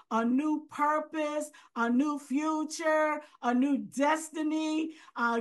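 High-voiced woman preaching slow and fervent, lots of hallelujahs. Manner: fervent, calls out hallelujah often. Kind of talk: sermon. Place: virtual church gathering.

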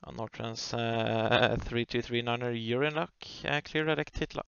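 A man's voice: medium pitch, normal speed, vocal fry, fairly bright tone, clean tone, no room sound. A man working as an air traffic controller, giving clipped, polite procedural calls over the radio. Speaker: air traffic controller on a flight simulation network. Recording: muffled lo-fi radio audio.

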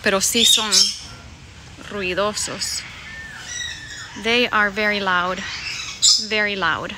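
Woman from Bolivia, slow outdoor live stream. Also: medium pitch, fairly even intonation. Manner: chatty, reads out and greets viewers' messages. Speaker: vlogger hosting a live stream. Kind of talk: casual live-stream chat. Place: outdoor garden with birds. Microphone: phone held at arm's length. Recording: noisy outdoor phone recording. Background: birds and outdoor ambience.

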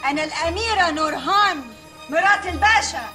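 A haughty princess. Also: female voice, extremely high pitch, quick pace, over loud music. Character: haughty pasha's wife, a self-styled princess. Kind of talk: TV comedy sketch acting.

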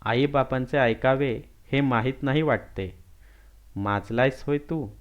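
A man voicing a strict village father with a quick temper who questions his son sharply. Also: mid-range voice, highs cut off, close to an everyday voice. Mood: angry.

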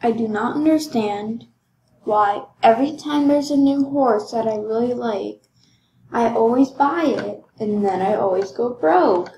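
A woman's voice: a little high, unhurried, warm tone, echoey room, slight background noise, low-quality recording. A young woman chatting casually while playing a horse game, rambling and joking about being broke, her voice a little cracky. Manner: chatty, rambling, self-deprecating. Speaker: gaming vlogger.

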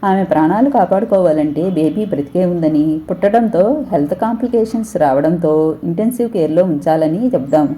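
A woman reading a calm female doctor. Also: lowish voice, close to an everyday voice. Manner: measured, explanatory.

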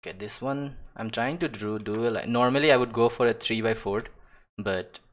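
A man's voice: lowish voice, normal speed. A man casually chatting on a live stream as he paints, rambling, laughing and trailing off into mumbles. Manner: rambling, self-interrupting, laughs and swears often; drifts into quiet mumbling to himself while working. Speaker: digital artist streaming.

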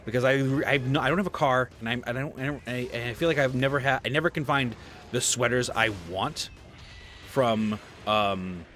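A gaming streamer, a man in his thirties, chats and rambles casually as he plays at his home desk, his nose a bit stuffy. His medium-pitched voice is a bit bright and moves at a normal speed, with slight background noise.

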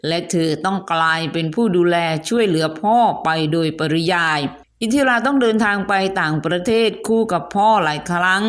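A woman with a slightly low voice narrates a history episode. She talks in a relaxed, chatty way, breaking off for friendly asides and polite particles. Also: fairly quick. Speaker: host.

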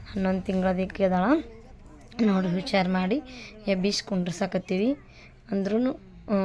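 A woman's voice: medium pitch, darkish tone. A middle-aged woman, narrating a family ceremony as a vlogger in a chatty way, repeating herself as she explains each custom step by step. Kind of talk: casual narration over family ceremony footage.

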